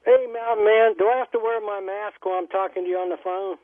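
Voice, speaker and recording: A man's voice: high-pitched, steady tone, quick pace, dry recording. A man calling in to a talk show over a landline phone, chatting in a rambling, folksy way. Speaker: caller. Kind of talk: casual call-in chat. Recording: tinny phone line.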